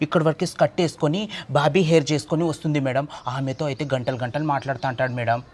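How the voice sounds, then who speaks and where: A man's voice: a little high, fairly even intonation, rapid-fire. A man acting as a gossipy, pleading office worker in a comic sketch. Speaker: gossipy office employee in a comedy skit.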